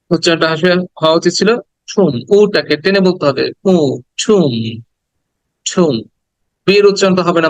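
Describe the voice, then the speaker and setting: A man teaching English pronunciation in a casual spoken lesson. He says each word slowly again and again and asks the listener to say it with him. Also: a little high, smooth, no room sound, poor audio. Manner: drills words slowly, asks listener to repeat.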